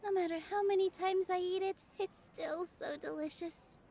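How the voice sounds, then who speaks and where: A woman voicing a gentle young woman in a game, soft-spoken, sweet and a little bashful. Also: extremely high pitch, fairly even intonation, moderate pace, slight background noise. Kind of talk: game voice acting. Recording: game audio with soft background music.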